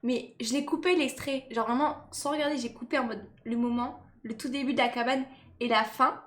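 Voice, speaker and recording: A young woman in casual chat, talking in slangy, quick bursts and often laughing. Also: a little high, fairly even intonation, a bit bright. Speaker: co-host.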